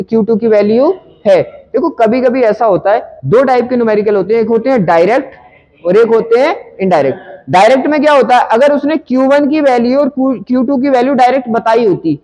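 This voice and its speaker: A man with a strikingly high voice teaching a physics numerical problem. He talks in a conversational way, keeps asking the class questions and then answers them himself. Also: darkish tone, rough recording. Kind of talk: explaining a numerical problem to students.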